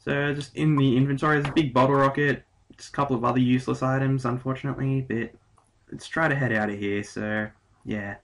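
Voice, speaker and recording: A man's voice: medium pitch, fairly even intonation, a little fast, gravelly, a little hiss or hum. A young Australian man recording casual, crude, joking commentary over a game, reading the characters' lines aloud. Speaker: let's play commentator.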